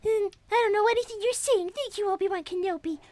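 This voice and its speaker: A woman's voice: extremely high pitch, fast, a loud crowd. A woman voicing a polite, easily flustered young girl rabbit in an improvised cartoon livestream, protesting in wordy, prim sentences. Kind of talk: improvised cartoon character livestream, reading viewer messages.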